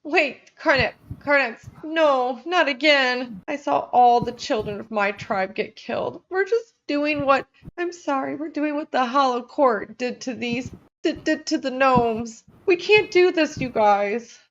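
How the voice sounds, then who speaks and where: A grieving young gnome girl pleads through tears, her voice rising high and thin, as a woman puts her on. The sound is a little dull and lo-fi. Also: measured pace, fairly bright tone. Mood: pleading. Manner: tearful, pleading.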